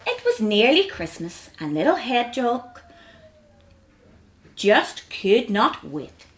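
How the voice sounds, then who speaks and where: A woman reads a storybook to young children. Her narration is slow and sing-song, in a fairly high voice that rises and falls widely. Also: wildly swooping pitch, fairly bright tone, poor audio. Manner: sing-song, deliberate phrasing.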